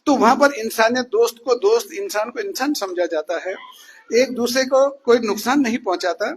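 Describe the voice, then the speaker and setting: A man voicing a brave, clever young deer who calmly explains himself to a lion. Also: extremely high pitch, moderate pace, breathy edge. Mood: calm, explaining.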